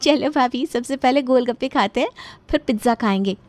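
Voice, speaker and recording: A woman's voice: high voice, fairly quick, no echo, pitched above the performer's own voice, close to an everyday voice. A woman voicing a clever, cheeky young daughter-in-law with a sly, teasing manner. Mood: cheerful.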